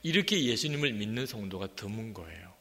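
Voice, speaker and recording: A man's voice: on the low side, animated, a little fast, pushed and bright, in a large hall. A middle-aged male pastor preaching a sermon, speaking conversationally and asking his congregation rhetorical questions.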